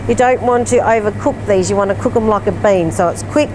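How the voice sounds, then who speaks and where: A woman's voice: mid-range voice, a little fast, background noise. A middle-aged Australian woman co-hosting a casual cooking demonstration, chatty and gushing, full of questions. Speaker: co-host of cooking demo. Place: indoor kitchen demo set at a market.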